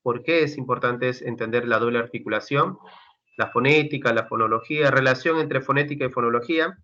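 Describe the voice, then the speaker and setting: Speaking a little fast in a pushed, bright, mid-range voice, a university lecturer runs an online class over video call. He talks conversationally about his course materials, says "chicos" to his students and fills his speech with fillers, all through a computer mic in dull lo-fi audio.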